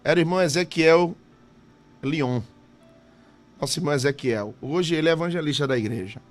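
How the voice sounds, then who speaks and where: Male pastor preaching a testimony: fervent and emotional, with a high voice. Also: fairly quick, faint music behind. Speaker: missionary pastor.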